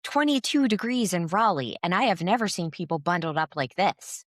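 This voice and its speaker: A woman's voice: lowish voice, expressive, normal speed, dry recording, clean studio sound. A woman co-hosting a podcast, telling a long story in casual chat with lots of fillers and restarts. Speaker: podcast co-host.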